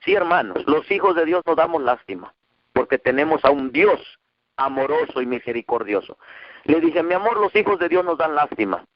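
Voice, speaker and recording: A man from Mexico preaching a heartfelt testimony, his voice sitting fairly high and swinging higher still when he quotes others. The sound is dry and dull, like an old radio broadcast. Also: lively intonation, normal speed, no echo. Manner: emotional storytelling, quoting dialogue with rising pitch. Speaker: pastor. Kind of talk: testimony sermon.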